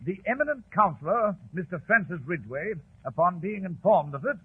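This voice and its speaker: An actor playing Doctor Watson, a puzzled, loyal, blustering British doctor who hesitates and stammers, in 1940s radio drama style. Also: male voice, high voice, expressive, moderate pace, slightly rough, exaggerated voice. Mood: doubtful. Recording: muffled, tinny old 1940s radio recording.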